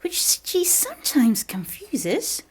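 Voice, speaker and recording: A young woman from Belgium, a native Dutch speaker, vlogs a laid-back tour of her small indoor apartment, camera in hand as she walks. Her high, darkish voice swoops wildly in pitch and moves slowly, over slight background noise, and she giggles and whispers every so often.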